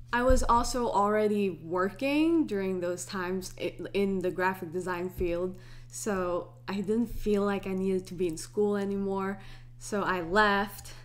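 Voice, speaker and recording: A young woman in her twenties from Hong Kong, chatting casually through a get-to-know-me Q&A vlog. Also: on the low side. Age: 20s. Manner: relaxed, unhurried, chatty with restarts. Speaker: YouTuber.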